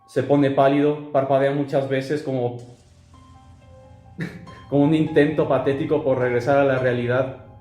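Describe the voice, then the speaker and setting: A man's voice: medium pitch, level tone, unhurried, long pauses. A young man telling a horror story in a casual, conversational way, with fillers and asides. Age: young adult. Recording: roomy echo, soft music behind.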